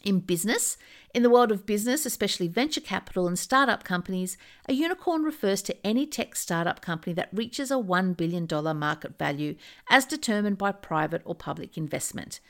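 A woman hosting a podcast, reading scripted narration in a measured, dramatic nature documentary manner. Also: medium pitch, lively intonation. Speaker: podcast host.

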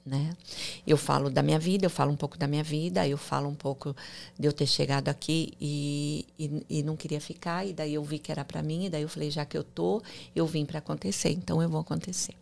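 A woman guest on a podcast, telling her own story in a casual, animated way and repeating words as she goes. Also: low voice, fairly quick, vocal fry. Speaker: guest, mentor and speaker.

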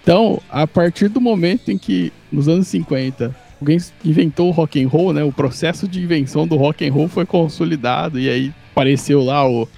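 A Brazilian-accented man muses in a casual podcast chat. His voice is fairly high yet gravelly and soft-edged, and he explains like a storyteller. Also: brisk, few pauses, faint music behind. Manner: reflective, storytelling, colloquial.

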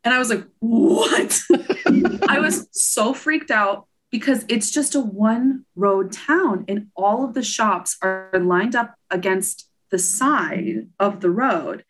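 A woman's voice: mid-range voice, slow pace. A woman guest on a podcast, telling road trip stories in casual chat, giggling and quoting herself. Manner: animated storyteller, giggly, quotes herself.

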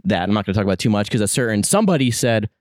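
A man's voice: lowish voice, very fast, no room sound, clean studio sound. A young man co-hosting a casual podcast who tells rambling stories full of fillers, in crude banter. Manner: rambling, many fillers, animated storytelling. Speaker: podcast co-host.

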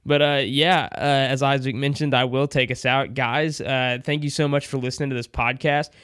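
A man's voice: medium pitch, flat delivery, normal speed, fairly bright tone, clean tone, dry recording, studio quality. A man hosting a sports podcast, chatting casually with an earnest, emphatic manner.

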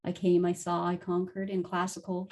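Mellow-voiced woman hosting a Latin talk. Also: lowish voice, monotone, moderate pace. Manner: asks questions, recites Latin. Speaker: podcast host and Latin teacher. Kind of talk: casual discussion.

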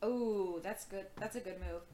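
A woman's voice: medium pitch, normal speed, warm tone, roomy sound. A woman playing a tabletop game, chatty and joking, with many fillers. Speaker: player. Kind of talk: casual tabletop game play.

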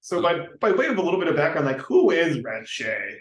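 A man co-hosting a podcast chimes in with sardonic remarks. His voice is a touch high. There is a noticeable room echo around him. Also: very animated. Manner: sardonic, quick interjecting. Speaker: podcast co-host. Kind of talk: casual chat.

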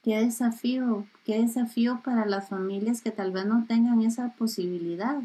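A woman podcast host interviewing a mother, speaking gently and affirming with frequent backchannel sounds. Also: on the high side, fairly even intonation, normal speed, husky, low-quality recording. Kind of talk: conversational interview.

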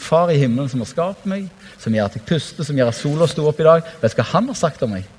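A man preaching a lively, conversational sermon, laughing often and acting out quotes. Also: on the high side, breathy edge, big-room sound.

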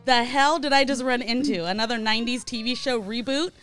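A woman's voice: fairly high pitch, fairly quick, fairly bright tone, clear, resonant tone. A woman with a Californian accent and valley girl way of talking, hosting with casual, crude banter. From California, United States. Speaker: host of a live call-in show. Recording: music playing behind the voice. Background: mood music.

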